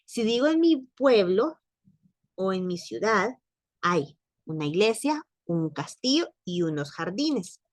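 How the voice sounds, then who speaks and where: A woman's voice: mid-range voice, big pitch swings, no room sound. Woman French teacher, patient and repetitive, dry recording. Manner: explains patiently, repeats phrases, slows for examples. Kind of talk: online language class.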